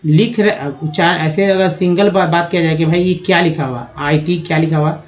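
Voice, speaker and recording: A man with a fairly high voice teaches English reading step by step, spelling out letters and repeating each word patiently. He talks to viewers as friends and fills pauses with hesitations. The recording sounds dull and muffled. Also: fairly even intonation. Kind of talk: spoken lesson on reading English words.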